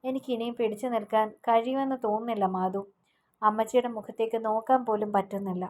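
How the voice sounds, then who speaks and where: A man's voice: sits high, steady tone, fast, a little mellow, natural voice. A woman reading a young man's lines in an audio novel, a tired, grieving son who speaks in a heavy, subdued way. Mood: weary. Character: grieving young man, worn out, quick-tempered.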